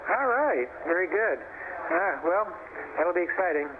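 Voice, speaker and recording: A man's voice: sits high, expressive, a little slow. A man on amateur radio, giving a signal report and chatting casually about home projects. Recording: tinny radio with hiss.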